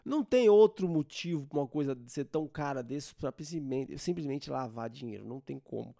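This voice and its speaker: A man's voice: mid-range voice, animated, fairly quick, vocal fry, dark tone, no room sound, clean studio sound. Young man ranting sarcastically on his podcast. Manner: informal, slangy, sarcastic ranting. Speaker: podcast host. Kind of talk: casual solo podcast rant.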